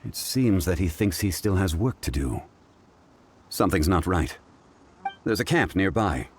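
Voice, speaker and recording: Deep, composed, learned gentleman. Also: animated, a little hiss or hum. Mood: calm, concerned. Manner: formal, measured, deliberate. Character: composed, learned gentleman consultant, calm and grave. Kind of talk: video game voice acting.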